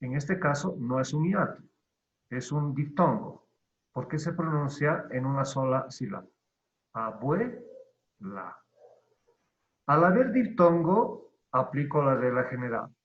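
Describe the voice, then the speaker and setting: A male teacher walks his online class through each point at an unhurried pace. His phrases drop away quietly at the ends, and the call audio sounds dull and muffled. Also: a little high, animated. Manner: patient, explains step by step, trails off at phrase ends.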